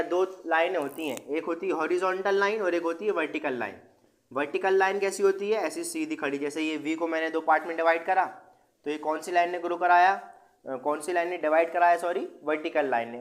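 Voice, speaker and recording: एक अध्यापक, ऊँची आवाज़, सवाल पूछकर खुद जवाब देता. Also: male voice, fairly high pitch. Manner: asks the class questions and answers them himself; mixes English terms into explanations. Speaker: teacher. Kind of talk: online class lesson.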